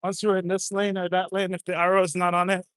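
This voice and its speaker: A man's voice: high-pitched, completely flat delivery, fast, a bit bright, clear, resonant tone, no room sound, studio quality. A man from France, chatting casually and bluntly, swearing now and then. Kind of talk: casual chat.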